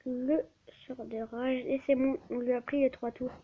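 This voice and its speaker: A woman with a high voice commentates live gameplay on her channel at a normal speed and in a flat delivery, frequently stammering and restarting words. She hosts a gaming channel and records on a tablet mic, which gives a dull lo-fi sound with faint hiss.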